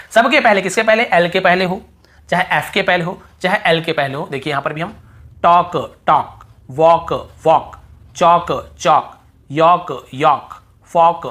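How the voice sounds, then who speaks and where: A male teacher talks through a spoken lesson at an even, patient pace. He pronounces each example word deliberately and says it two or three times in a row. He keeps stopping to ask the listener whether it is clear. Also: fairly high pitch. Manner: repeats example words slowly, drawn out, several times; asks the viewer quick check questions. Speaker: English teacher.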